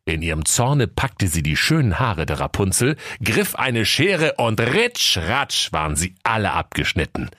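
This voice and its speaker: A man with a northern German accent narrating a comic fairy tale in a lively, playful way. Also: lowish voice, a little slow, few pauses, no room sound, clean studio sound. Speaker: storyteller.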